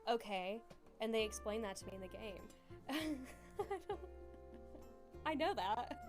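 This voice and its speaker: A young woman chatting casually while streaming a game, excitable, giggly and self-deprecating. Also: fairly high pitch, a little slow, over music. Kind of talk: casual gaming stream chat.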